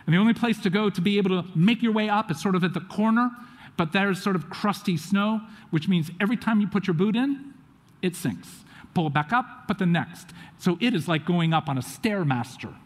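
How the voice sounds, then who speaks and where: Animated storytelling man in a reverberant hall. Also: high voice, a little fast. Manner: animated, acts out quotes of others. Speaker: speaker telling a family story. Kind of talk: storytelling talk to an audience. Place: auditorium.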